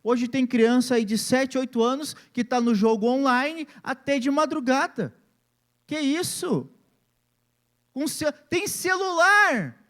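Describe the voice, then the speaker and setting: A man's voice: very high voice, a little slow. A man, preaching a sermon as pastor and acting out family scenes in different voices.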